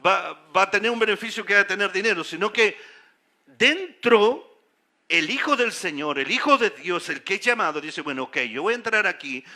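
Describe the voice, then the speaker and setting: A male pastor delivers an emphatic sermon in a church, speaking in a high, piercing register. His tone is very bright and edged. He keeps turning to the congregation with rhetorical questions. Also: animated, normal speed. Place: church sanctuary.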